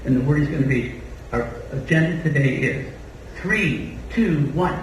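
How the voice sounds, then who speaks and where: An Australian body language trainer leads a live seminar demonstration, drilling his audience with countdowns. His voice sits fairly high and moves a little slowly. The recording is noisy, with the mic far away in an echoey hall.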